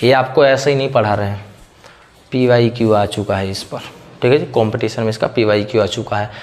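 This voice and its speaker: A man's voice: fairly low pitch, steady tone, a little fast, darkish tone. Hindi chemistry teacher quizzing his class. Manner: asks questions and answers them himself; repeats a fixed question-and-answer pattern. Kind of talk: classroom lecture.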